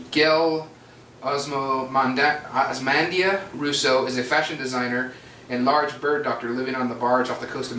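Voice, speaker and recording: A man's voice: medium pitch, bright, forceful tone, a little hiss or hum. A man playing a board game, reading his character cards aloud and stumbling over hard names. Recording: roomy, distant mic.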